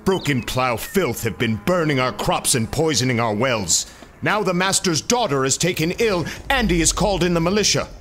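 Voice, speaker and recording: A man voicing an earnest soldier guarding a manor, speaking lively and direct. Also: fairly high pitch, moderate pace, pitched above the performer's own voice. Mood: urgent. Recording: faint music behind.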